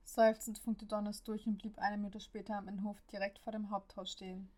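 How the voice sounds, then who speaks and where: Woman narrating a story in a flat voice. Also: medium pitch, brisk. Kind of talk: audiobook narration of an amateur story.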